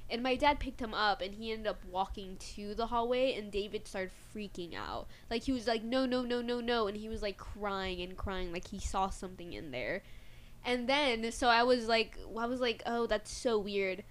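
A woman's voice: mid-range voice, expressive, moderate pace. A young woman, a guest, telling a personal story in casual chat, rambling with many fillers.

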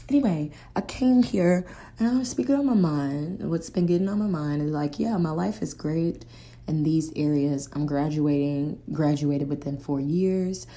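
Hosting a solo podcast, a young woman rambles in a loose stream of consciousness, often searching for words and using plenty of fillers. Her voice is low-pitched and warm, at a moderate pace.

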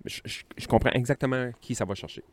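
A man's voice: medium pitch, fast talker, a little hiss or hum. A man with a Québécois French accent co-hosting a podcast in casual chat, slangy, swearing freely and laughing often. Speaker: podcast co-host.

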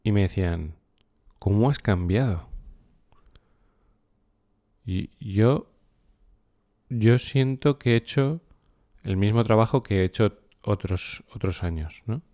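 A man hosts a podcast and talks through a book in a calm, unhurried way, like a trainer. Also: on the low side, no echo, studio quality. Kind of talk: casual podcast monologue on a book.

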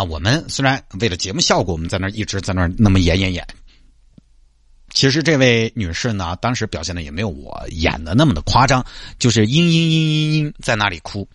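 A man explaining in a relaxed, reflective way that the skit was exaggerated, and mildly apologizing for it. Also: fairly low pitch, quick pace, slightly rough, no room sound, studio quality. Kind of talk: casual explanatory wrap-up.

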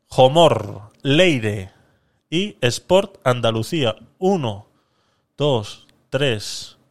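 A man hosting a live-stream podcast, chatting casually with viewers while he talks himself through a giveaway. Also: medium pitch. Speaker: livestream podcast host.

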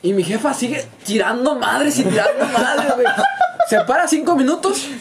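A man's voice: very high-pitched, normal speed, very noisy. A man with a Mexican accent, telling a story in casual chat, slangy and ending phrases with "güey".

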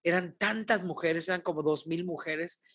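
A middle-aged Mexican woman, a guest prophet, telling a lively faith story on a podcast and acting out the dialogue. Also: fairly low pitch, moderate pace. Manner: animated, acts out dialogue.

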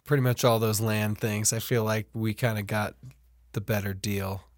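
A man's voice: fairly low pitch, steady tone, moderate pace, no room sound, clean studio sound. A man hosting a casual podcast, laid-back and jokey, with a stuffy nose. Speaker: podcast host.

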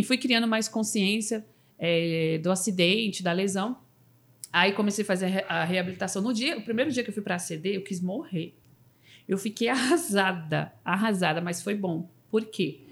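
A woman's voice: mid-range voice, brisk, a bit bright. Woman telling her story. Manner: emotional storytelling, restarts and fillers like "sabe assim". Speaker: podcast guest, motivational speaker. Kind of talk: personal story in casual interview.

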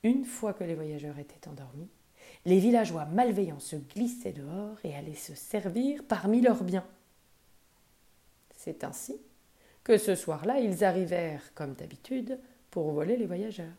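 A woman gently reading a children's wisdom tale aloud, soft and expressive. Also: lowish voice, unhurried. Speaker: storyteller.

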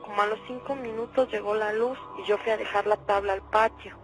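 A woman's voice: medium pitch, fairly even intonation, brisk, soft background music, poor audio. A young woman calling a radio show, frightened and pleading for help. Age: young adult. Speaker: caller. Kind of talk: radio call-in.

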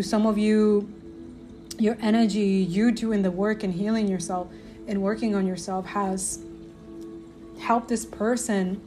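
A woman's voice: mid-range voice, darkish tone. A woman hosting a spiritual podcast, talking earnestly and rambling with many fillers and restarts, often tagging her points with "right?". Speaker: podcast host.

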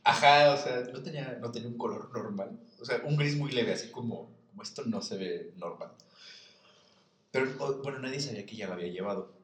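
A man's voice: on the low side, recorded from a distance, a little hiss or hum. A young man with a Mexican accent telling funny anecdotes in a casual chat, laughing often and mimicking people in his stories. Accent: Mexican Spanish. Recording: echoey room, voice a bit off-mic.

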